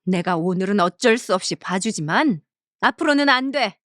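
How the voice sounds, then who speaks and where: Harsh, berating mother-in-law, read by a woman, lively pitch swings, dry studio sound for a story cartoon. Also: normal speed, no echo, natural voice. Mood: scornful. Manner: contemptuous, berating. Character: harsh scolding middle-aged mother-in-law.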